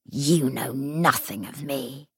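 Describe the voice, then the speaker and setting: A bitter ghost of a murdered warlock speaks in a hollow, hissing voice as a woman narrator puts him on. He drags out his words slowly, pitched well below her usual tone. Dry, close recording. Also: vocal fry, fairly bright tone, husky, dry recording, exaggerated voice. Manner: slow, brooding, sinking to a whisper.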